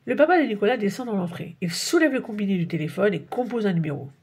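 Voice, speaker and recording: A woman narrating a children's audiobook in a lively, expressive storybook style. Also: mid-range voice, quick pace, husky. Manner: lively, expressive read-aloud.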